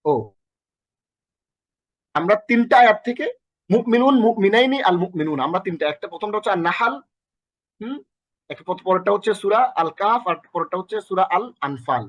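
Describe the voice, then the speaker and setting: Fast, high-voiced male Arabic teacher. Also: no room sound. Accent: Bangladeshi. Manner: energetic, repeats and quizzes the listener. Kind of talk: recorded online lesson.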